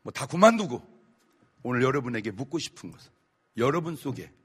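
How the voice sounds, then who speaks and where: A male pastor preaching a sermon, firing rhetorical questions at the congregation and bursting into shouts. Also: mid-range voice, husky. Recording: long church hall reverb.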